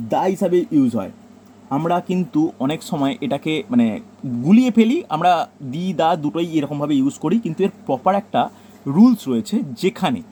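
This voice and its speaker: A man's voice: fairly high pitch, warm tone, husky. A man with a Bengali accent teaching a grammar lesson, repeating his points and telling students to write them down.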